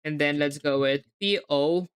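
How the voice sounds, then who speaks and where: Her voice sits low and unhurried, with a clean tone. She is a young livestreaming coder with a hybrid accent that's hard to pin down, talking through her code, spelling out words letter by letter, and chatting with her audience.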